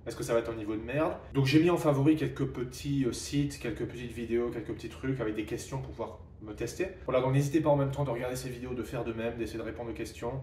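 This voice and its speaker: Fast-talking excitable man, roomy echo. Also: mid-range voice, slight background noise. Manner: excitable, swears freely, thinks aloud. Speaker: vlogger. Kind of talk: casual vlog chat.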